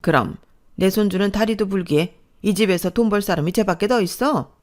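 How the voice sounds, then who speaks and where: A woman's voice: medium pitch, fairly quick, darkish tone, close to an everyday voice. A woman voicing a harsh, domineering grandmother-in-law in her old age who talks in a scolding, scornful way.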